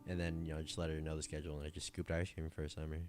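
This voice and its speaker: A young man with a very low voice talking casually as a guest. He is laid-back, keeps his phrasing loose, and fills his sentences with "like" while he recalls things. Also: little pitch movement, racing, music in the background. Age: young adult. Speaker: guest, host's cousin. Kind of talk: casual chat.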